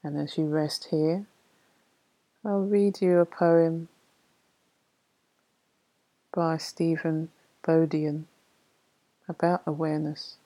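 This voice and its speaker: A woman leading a guided meditation in a soft, soothing, unhurried way with long pauses. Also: deep voice, little pitch movement, poor audio. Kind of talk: guided meditation narration, reading a poem.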